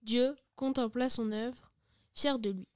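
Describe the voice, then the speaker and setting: Slow, clear woman narrating a tale. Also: fairly high pitch, steady tone, no room sound, studio quality. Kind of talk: read-aloud storybook narration.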